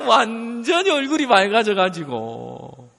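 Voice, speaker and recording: A man preaching a sermon, telling a story in a lively way and acting out what others said. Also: high-pitched, slow, gravelly. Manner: animated storytelling, quoting others, laughing at times. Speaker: pastor. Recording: long hall reverb.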